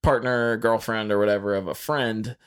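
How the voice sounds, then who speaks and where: Male host, 30s, from the Carolinas; easygoing, filler-heavy casual talk in a lowish voice. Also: fairly even intonation, moderate pace, smooth. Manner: laid-back, loose, full of fillers. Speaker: podcast host. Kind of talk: casual chat.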